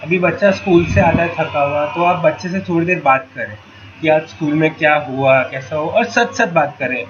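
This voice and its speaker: A man's voice: fairly high pitch, moderate pace. A man running a parenting workshop, explaining patiently in a casual tone and asking the group rhetorical questions. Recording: dull lo-fi with loud ambient noise.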